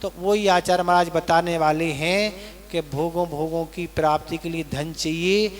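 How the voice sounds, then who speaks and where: A man teaching a verse class, who chants verse lines slowly and then patiently explains their meaning. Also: on the high side, steady tone, long reverb tail. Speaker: Jain monk teaching scripture recitation. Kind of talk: slow scripture class.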